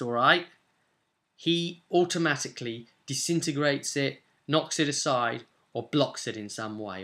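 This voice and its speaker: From a desk in his small home room, a young British man chats to camera, emphatically recapping a session he ran as game master. He's a gesturing, talkative storyteller and vlogger, and his voice is mid-range with a sharp tone.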